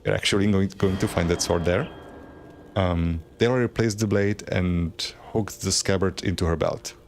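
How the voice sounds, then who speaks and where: A man's voice: low voice, fairly even intonation, normal speed, slight background noise. A man streaming a game, reading lore aloud in a plain, unacted voice with casual asides.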